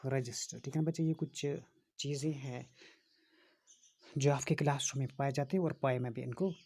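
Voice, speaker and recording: A middle-aged male schoolteacher giving a recorded lesson to children, explaining slowly and patiently with frequent fillers. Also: mid-range voice, mellow, breathy edge, no room sound. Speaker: school English teacher. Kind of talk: recorded classroom lesson in Hindi and English.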